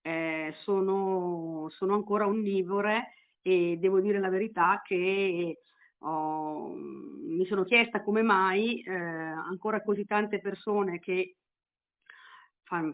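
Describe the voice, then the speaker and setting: A woman calling in to a radio show, speaking politely and hesitantly through a tinny phone line. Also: on the low side. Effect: heard through a call-in phone line.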